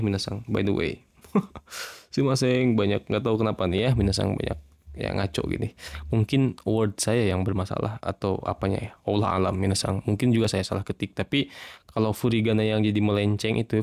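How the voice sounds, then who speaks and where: A man's voice: on the low side, a little mellow, dry recording, studio quality. Chatty male tutor. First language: Indonesian. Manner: chatty, repeats example sentences, addresses viewers as minasan. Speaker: Japanese language teacher. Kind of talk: casual vocabulary lesson.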